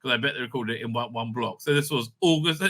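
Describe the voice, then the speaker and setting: A man talks fast in a mid-range, fairly bright voice as he hosts a fan news show. Scrolling a screen, he thinks aloud in a casual, blunt way, swearing freely.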